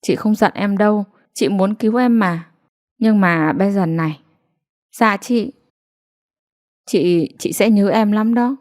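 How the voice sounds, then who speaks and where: A woman voicing a beaten, despairing young village woman whose speech turns high and pleading. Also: measured pace, long pauses, a little mellow, lightly acted. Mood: resigned. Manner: pleading and broken, high-pitched cries.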